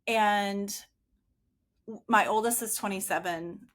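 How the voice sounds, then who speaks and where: A woman's voice: mid-range voice, takes it slowly, fairly bright tone. A woman in her late forties, a podcast guest telling rambling, chatty stories full of asides. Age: 40s. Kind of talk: casual podcast chat.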